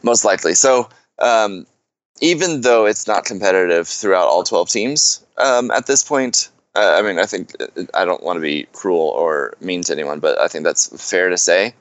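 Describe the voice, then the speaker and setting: A man co-hosting a casual podcast chat, explaining things in a measured way and often saying "you know". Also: sits low, animated, no echo. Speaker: fantasy football podcast co-host.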